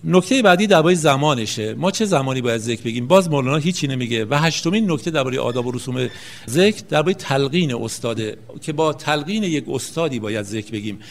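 A man giving a spoken lecture, explaining points one by one and slowing down to recite verse. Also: mid-range voice. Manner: slows down to recite classical verse; calm explanatory delivery, listing points one by one. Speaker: lecturer on Rumi and Sufi practice.

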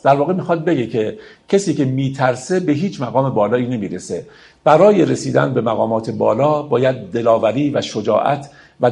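A man lecturing on classical poetry in a gravelly voice. He explains each verse step by step and speaks to his listeners as friends. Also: mid-range voice, darkish tone.

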